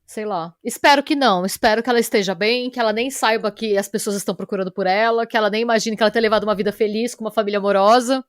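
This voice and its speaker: A woman's voice: mid-range voice, very fast, hardly any pauses, dry recording, clean studio sound. A Brazilian woman co-hosting a true-crime podcast in casual, chatty talk, trailing off now and then. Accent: Brazilian Portuguese. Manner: chatty, lively, trailing off with "sei lá". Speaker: podcast co-host, storyteller.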